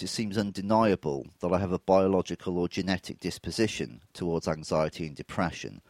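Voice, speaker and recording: A podcast host in his forties records a solo episode, candid, reflective and self-deprecating, his voice throaty from a touch of flu. It sits low, with no echo.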